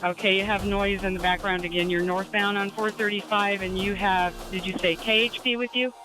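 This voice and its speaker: Calm woman dispatcher on police radio. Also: mid-range voice, music in the background, low-quality recording. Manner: calm, measured, repeats key details. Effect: police radio transmission. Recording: archived police radio audio.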